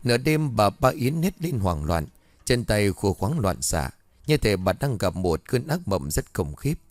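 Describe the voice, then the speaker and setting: Man reading a ghost story, steady measured delivery, low voice, dry close mic. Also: no echo. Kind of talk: scripted horror story narration.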